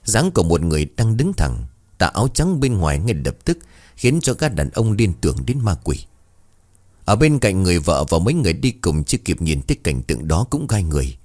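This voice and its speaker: Low-voiced man telling a ghost story. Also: brisk. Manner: dramatic, expressive storytelling. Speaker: narrator.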